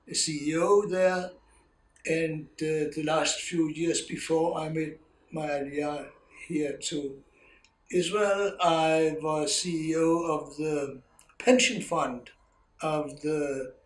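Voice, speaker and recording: Slow, halting older Danish man. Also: on the high side, roomy sound, slight background noise, poor audio. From Denmark. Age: 80s. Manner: halting, with many ums and restarts. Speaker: interviewee. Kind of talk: oral history testimony.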